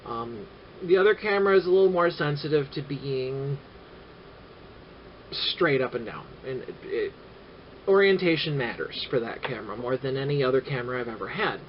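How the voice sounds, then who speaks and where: A man's voice: medium pitch, lively intonation. Rambling man on a dull lo-fi recording. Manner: rambling, halting, frequent filler sounds; dry sarcastic asides. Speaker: vlogger. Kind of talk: casual gear-review vlog. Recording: dull lo-fi audio with faint noise.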